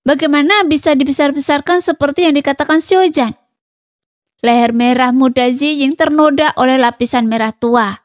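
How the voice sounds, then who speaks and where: A woman with a high voice narrates a fantasy story in an even, read-aloud delivery. The sound is dry and close, with no room around it. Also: normal speed, dry recording. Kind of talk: scripted narration.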